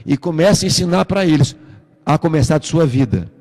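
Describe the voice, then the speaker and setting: A man with a Brazilian accent preaching a sermon as pastor, a lively storyteller who acts out the voices in his stories. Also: a little high, brisk, long reverb tail. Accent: Brazilian Portuguese. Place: church.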